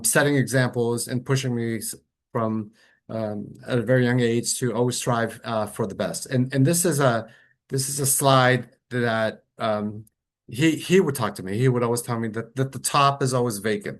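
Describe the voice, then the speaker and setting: A middle-aged Colombian orthodontist gives a webinar lecture over a computer microphone on a video call. He speaks at medium pitch in a relaxed, conversational way, with frequent fillers and restarts.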